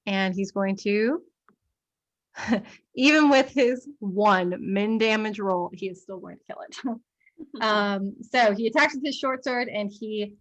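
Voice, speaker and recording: A woman's voice: medium pitch, takes it slowly. A woman narrating a tabletop game as game master, casual, swearing and laughing often.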